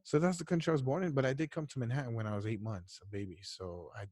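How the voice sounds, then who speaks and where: A man from Ecuador co-hosting a relaxed podcast, talking in an easygoing, chatty way and often restarting his phrases. His voice sits at a middle pitch. The sound is dry and close, with no room echo. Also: fast. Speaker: podcast co-host. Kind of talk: casual chat.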